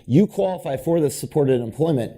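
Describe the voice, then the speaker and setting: A man explaining support programs in a relaxed, folksy, conversational way. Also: on the high side, a little fast. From United States. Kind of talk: casual informational chat.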